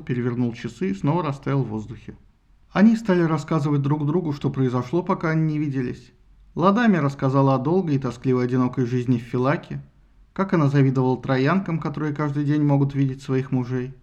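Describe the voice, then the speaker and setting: A man narrating an audiobook of myths in a calm, even storytelling manner. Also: fairly high pitch, lo-fi sound.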